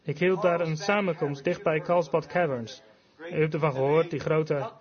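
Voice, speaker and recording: A man preaching a fervent revival sermon, emphatic, switching between quick bursts and slow, drawn-out phrases. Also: fairly high pitch, steady tone, a crowd in the background. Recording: dull lo-fi recording with congregation audible.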